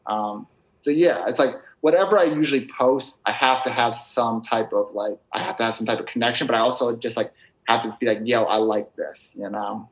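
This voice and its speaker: A man's voice: medium pitch, brisk, low-quality recording. A man chatting casually as a podcast guest, slangy, peppering his talk with "like", "right" and "bro". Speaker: podcast guest, video creator. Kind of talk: casual chat.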